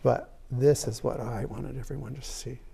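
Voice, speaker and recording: A man's voice: medium pitch, steady tone, normal speed, creaky, dark tone, husky. A man hosting a casual chat with a guest, making admiring remarks about antique doll clothing. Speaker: host.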